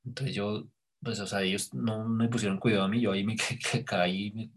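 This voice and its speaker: A man with a low, gravelly and somewhat husky voice tells a personal story in relaxed conversation. He hesitates and restarts as he searches for words. When he quotes his own thoughts, his voice sinks to a hushed near-whisper. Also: normal speed. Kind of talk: casual spoken recollection.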